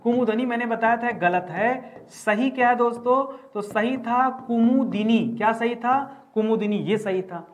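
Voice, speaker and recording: A man's voice: extremely high pitch, a little slow, few pauses. A man teaching a grammar class, asking each answer back to his students and repeating it. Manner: repeats each word as a question to the class, addresses students as friends. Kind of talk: classroom lesson at a board.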